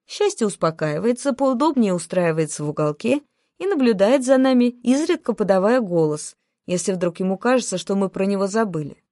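A woman's voice: medium pitch, expressive, a little fast, mellow, dry recording, studio quality. A woman narrating a first-person story in an ironic storytelling manner. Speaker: audiobook narrator.

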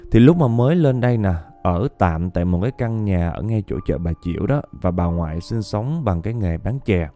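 A man's voice: low voice, mellow. A man narrating ghost stories in a chatty way, often speaking straight to his listeners. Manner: chatty, keeps addressing listeners. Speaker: storyteller.

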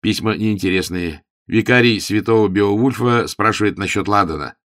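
A man's voice: on the low side, normal speed, a bit bright, no echo, clean studio sound, voice pushed up, natural voice. A man reading an audiobook voices a cheerful young secretary who talks in a hearty, breezy way. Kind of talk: audiobook character voice.

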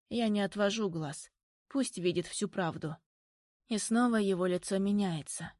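A woman narrating a first-person audiobook in an expressive, intimate way. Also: medium pitch, no echo, studio quality.

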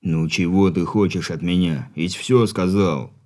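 A man's voice: low-pitched, unhurried, darkish tone. A man reading an audiobook, voicing an older grandfather who speaks earnestly and subdued. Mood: troubled.

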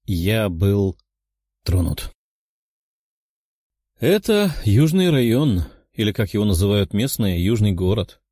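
A man's voice: lowish voice, expressive, normal speed, hardly any pauses, mellow, no echo, studio quality. A man voicing a polite, earnest young nobleman who speaks formally. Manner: formal, courteous.

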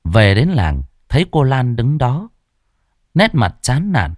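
A man narrating a ghost story in an expressive storytelling manner. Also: medium pitch, slow pace, no echo, studio quality.

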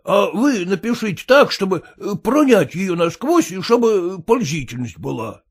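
A man voicing an illiterate, clumsy peasant who pleads in rustic, halting speech with fillers. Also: high-pitched, very animated, husky, voice pushed up, exaggerated voice. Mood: grumbling.

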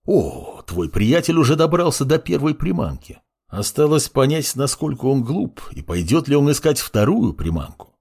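A man voicing a calm, coldly fascinated undead lich. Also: mid-range voice, moderate pace, creaky, slightly rough, pitched above the performer's own voice, full character voice. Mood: cool. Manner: calm, coolly fascinated, softly menacing. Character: cold, curious undead lich mage, centuries old. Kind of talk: audiobook character reading.

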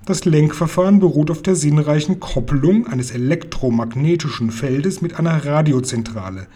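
Ein Mann liest eine freundliche alte Dame, leicht erhöht. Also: male voice, fairly high pitch, expressive, normal speed, mellow. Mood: friendly explaining. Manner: friendly, patiently explaining, occasionally stern. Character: kind, calm old lady in a car. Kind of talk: reading a children's book aloud.

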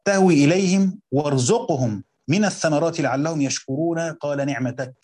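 A man with an Egyptian Arabic accent teaching a Quran commentary lesson, reading quotes slowly and then explaining them in colloquial talk while questioning his students. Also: a little high, darkish tone.

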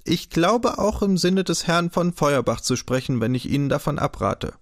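A man voicing a small, humorless archive director who speaks calmly, measured and diplomatic in an audiobook. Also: fairly high pitch, dry recording, clean studio sound, voice pushed up, close to an everyday voice.

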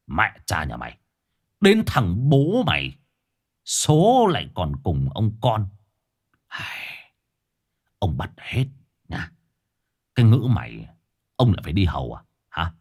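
A man's voice: a bass voice, a little mellow, pitched below the performer's own voice, full character voice. A man voicing a drunk, menacing male village enforcer who slurs and drawls his threats.

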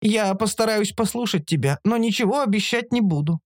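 A blunt female monster speaks with cool, flat logic, never ruffled, as a man reading the book puts her on. Her voice sits well above the narrator's and rises and falls with lively movement. The recording is close and dry. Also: sits high, fairly quick, dry recording, voice pushed up. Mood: coolly reasoning. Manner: calm, flatly reasoning, unbothered. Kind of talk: audiobook character voice.

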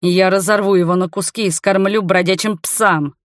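A woman's voice: mid-range voice, steady tone, normal speed, no room sound, clean studio sound, natural voice. Woman voicing a snarling furious fire mage. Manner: snarling, shouting. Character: furious fiery young male fire mage.

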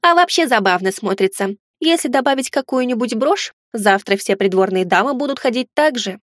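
A woman voicing a fussy, chatty female fairy house spirit in a storybook reading, talking in an excitable, theatrical way. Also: a little high, a little fast, no room sound, clean studio sound, lightly acted. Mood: chirpy.

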